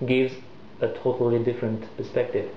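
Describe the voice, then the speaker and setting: A man's voice: mid-range voice, flat delivery, brisk, background noise. A man from Romania, asking interview questions and pushing back, with fillers. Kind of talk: conversational interview. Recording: roomy, slightly muffled recording.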